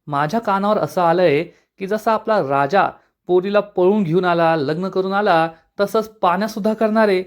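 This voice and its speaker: A practical young sister-in-law talks through her plan, voiced by a man telling a TV serial story. The voice stays high and plain, like the storyteller's own. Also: normal speed, smooth, natural voice. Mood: plotting.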